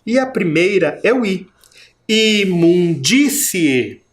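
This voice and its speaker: A man's voice: a little high, big pitch swings, measured pace. A man with a Brazilian accent, a primary school teacher giving a recorded video lesson for children. He stretches and stresses syllables and keeps asking his pupils questions.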